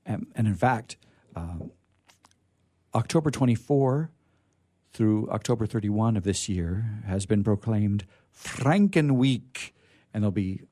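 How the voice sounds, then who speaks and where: A man with a lowish, slightly mellow voice hosts a radio theatre reading. He introduces it to listeners off the cuff, searching for his words as he goes.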